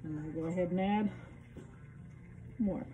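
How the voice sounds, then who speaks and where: A woman's voice: fairly low pitch, unhurried, faint music behind. Woman talking muffled through a respirator mask. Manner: chatty, self-deprecating, speaking loudly. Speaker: craft tutorial maker. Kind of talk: casual how-to demonstration. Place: home craft area with fans and open windows.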